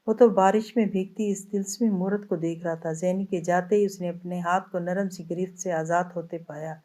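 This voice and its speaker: A woman narrating a dramatic novel in a steady, even storytelling manner. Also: fairly low pitch. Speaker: audiobook narrator.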